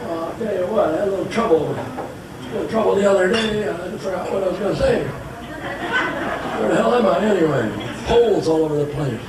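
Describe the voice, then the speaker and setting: A man's voice: high voice, animated, fairly quick, distant mic, pitched above the performer's own voice. A man playing a crotchety, crude, forgetful old man who grumbles and rambles through a stand-up comedy monologue. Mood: grumbling, muddled. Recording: noisy roomy live stage with loud crowd.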